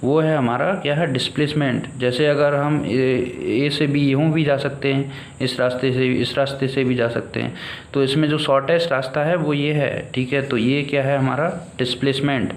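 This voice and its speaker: A man teaching physics, explaining slowly step by step and checking in with his students often. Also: mid-range voice, steady tone. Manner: slow and deliberate, mixes in English terms, checks in with "okay, students". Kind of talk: blackboard lesson explaining step by step. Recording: echoey room with faint noise.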